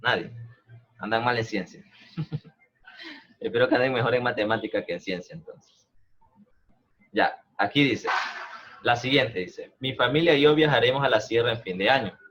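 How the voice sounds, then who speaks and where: A man's voice: medium pitch, moderate pace, long pauses, fairly bright tone, low-quality recording. A man, teaching an online math class, explaining patiently and often asking whether the students follow. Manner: explains patiently, checks understanding with frequent "¿no?" and "¿verdad?". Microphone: video call.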